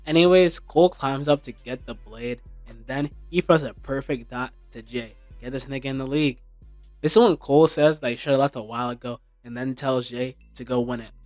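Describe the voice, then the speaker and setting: A young man delivers an informal, sarcastic recap in a medium-pitched voice. The sound is dry, with faint music underneath his slangy commentary. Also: no room sound. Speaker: video commentator.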